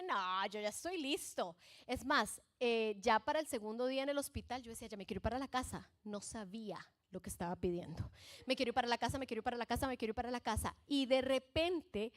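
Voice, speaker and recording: A woman pastor in her thirties preaching a sermon, telling lively personal stories and acting out her own past lines. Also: high voice. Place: church stage.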